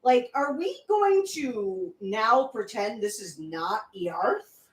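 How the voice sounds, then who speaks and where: A woman co-hosting a casual livestream discussion, animated and teasing. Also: on the high side, slow pace, far from the mic, a little hiss or hum. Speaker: co-host. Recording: echoey room, off the mic.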